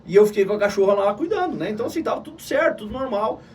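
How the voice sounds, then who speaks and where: A middle-aged man with a southern Brazilian Gaúcho accent, telling an emotional personal story as an interview guest in an animated way. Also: high-pitched, racing, far from the mic. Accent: Gaúcho Brazilian Portuguese. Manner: animated, calls the listener "cara" often.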